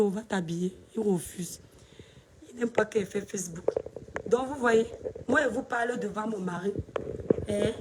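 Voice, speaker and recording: Woman vlogger, chatty and animated, mellow tone, roomy off-mic phone sound. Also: medium pitch, far from the mic, slight background noise. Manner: chatty and animated, addresses viewers as her stars; speaks softly at times so as not to disturb her husband. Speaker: social media vlogger. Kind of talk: casual live video chat with followers. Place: bedroom at home, indoors. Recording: roomy echo, voice a bit off-mic.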